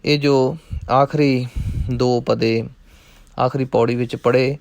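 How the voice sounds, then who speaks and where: Man, recitation teacher, very slow and steady, flat even chant, dry close sound. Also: medium pitch, no echo. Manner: measured chanting of verses, then quick spoken corrections. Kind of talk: slow line-by-line recitation lesson with pronunciation notes.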